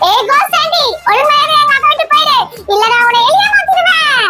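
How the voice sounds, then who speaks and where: Brief: very high, squeaky cartoon boy played by a woman, brave and bossy, music behind. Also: animated, fast. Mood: bold. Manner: bold, bossy warnings. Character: brave little boy with a magic wand.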